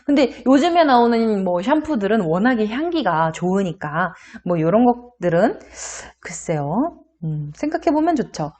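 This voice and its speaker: A middle-aged woman teaching a recorded class. Her pitch swings widely as she talks, and she keeps turning to the students with questions in a chatty, friendly manner. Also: very animated, normal speed, hardly any pauses, mellow. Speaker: university lecturer. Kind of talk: recorded online lecture.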